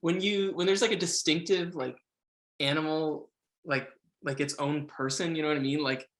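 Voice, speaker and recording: A man's voice: a little high, fairly even intonation, moderate pace, fairly bright tone. A young man, a musician guest, talking in an enthusiastic, gushing way with lots of "like". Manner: enthusiastic, gushing, heavy use of "like". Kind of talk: casual interview chat.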